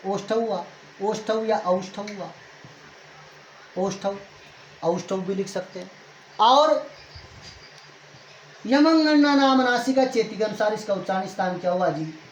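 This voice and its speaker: A man's voice: sits high, lively intonation, measured pace, pauses often, highs cut off. Male grammar teacher, self-answering classroom drill, roomy echo, slight noise. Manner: asks questions and answers them himself, drilling by repetition. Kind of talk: classroom lecture at a board. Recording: echoey room with faint noise.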